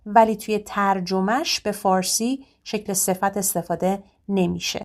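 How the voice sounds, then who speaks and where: With a medium-pitched, steady voice, a woman with a Persian accent teaches English grammar, explaining at a quick clip and reading example sentences slowly and distinctly.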